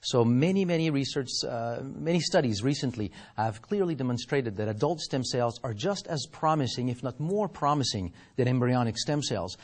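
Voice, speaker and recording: A man's voice: medium pitch, animated, normal speed, hardly any pauses, a little mellow. Man explaining science as an interview guest.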